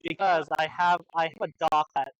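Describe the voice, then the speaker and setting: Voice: mid-range voice, fairly even intonation, moderate pace, smooth, no echo, lo-fi sound. A host of a basketball league livestream, chatting casually in the commentary booth and explaining the plan with small restarts.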